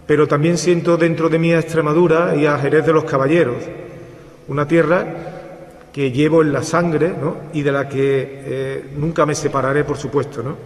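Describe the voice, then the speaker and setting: A man speaks slightly high, giving an earnest, halting speech at a book presentation and restarting phrases as he goes. His voice carries through a PA into a long-reverb cultural centre hall. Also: fairly even intonation. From Seville, Spain. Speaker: book author.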